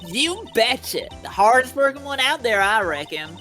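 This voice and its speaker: A woman's voice: on the high side, big pitch swings, normal speed, sharp tone, faint music behind. A woman voicing a brash, cocky female cowgirl photographer with a put-on Southern accent and a folksy drawl, reading game dialogue aloud. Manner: folksy drawl with country phrases.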